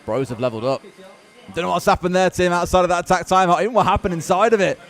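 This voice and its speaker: A man's voice: high voice, faint music behind. A British man casting a live esports match, chatty and joking, who also answers viewer questions. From United Kingdom. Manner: chatty and quick, jokes and answers chat. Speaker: esports caster.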